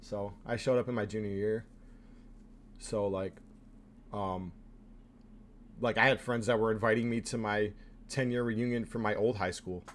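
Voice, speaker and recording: A man's voice: fairly low pitch, steady tone, normal speed, long pauses. A man in his late twenties chatting casually as a podcast co-host, rambling and laughing often. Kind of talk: casual chat.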